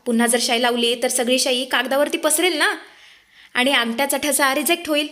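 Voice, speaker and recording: A woman's voice: high-pitched, steady tone, brisk, a bit bright. A woman voicing a hot-tempered, insulting young man. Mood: scolding. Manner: scolding, impatient.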